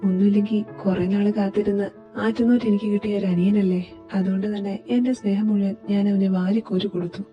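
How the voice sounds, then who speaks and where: A woman narrating as a grown man who looks back on his childhood, reflective and even. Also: mid-range voice, fast, faint music behind, natural voice. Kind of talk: scripted narration. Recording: dull lo-fi.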